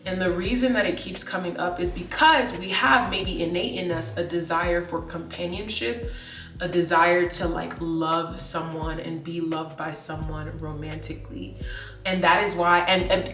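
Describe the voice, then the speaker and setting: A woman's voice: fairly low pitch, fairly even intonation, moderate pace, fairly bright tone, far from the mic. A woman in her late twenties chatting casually in a vlog, rambling with lots of "like" fillers and restarts. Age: 20s. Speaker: vlogger. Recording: echoey room, voice set back from the mic, faint music.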